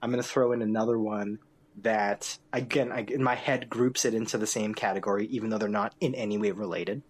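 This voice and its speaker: A man's voice: on the low side, fairly even intonation, brisk. A man co-hosting a casual podcast chat, steering the topic and chuckling through his sentences. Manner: leads the topic, laughs often mid-sentence. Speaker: podcast co-host.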